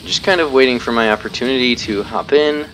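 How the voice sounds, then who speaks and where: A man's voice: medium pitch, brisk, fairly bright tone, a little hiss or hum. A man giving casual live commentary over his own gameplay, explaining tactics as he plays, thinking aloud and poking fun at his own mistakes. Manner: explains tactics while playing.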